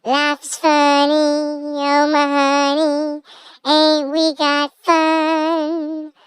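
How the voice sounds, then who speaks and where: A man's voice: very high voice, monotone, very slow, fairly bright tone, no echo, soft background music, voice pushed up, full character voice. A man singing a playful intro tune in a sped-up chipmunk voice, bouncy and sing-song.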